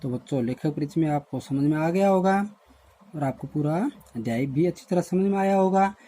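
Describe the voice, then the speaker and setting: A man teaching a lesson to schoolchildren in a recorded online class, explaining word meanings slowly and repeating himself. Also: fairly high pitch, dark tone. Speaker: Hindi teacher.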